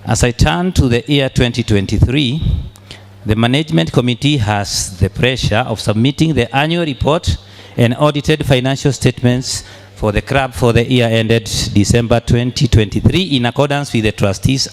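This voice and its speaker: Man formally presenting a financial report, halting delivery. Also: mid-range voice. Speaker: club treasurer presenting annual accounts.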